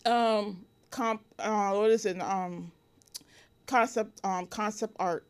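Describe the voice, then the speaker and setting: A woman in her thirties from Connecticut, a guest in a casual interview. She talks in halting bursts, full of ums and restarts as she searches for words. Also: mid-range voice, steady tone, smooth. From Connecticut, USA. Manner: hesitant, many fillers and restarts. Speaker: interview guest, illustrator and cartoonist.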